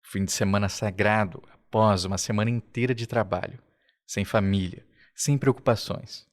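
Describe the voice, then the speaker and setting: A man with a Brazilian Portuguese accent, narrating a documentary podcast in a slow, reflective way. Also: fairly low pitch, fairly even intonation. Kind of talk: scripted narration. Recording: faint music underneath.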